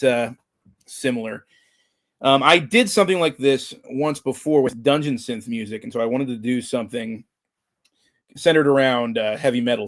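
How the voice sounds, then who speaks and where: A man hosting a livestream, chatting informally to viewers in a halting, rambling way. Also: medium pitch. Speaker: livestream host. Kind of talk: casual chat to a livestream audience.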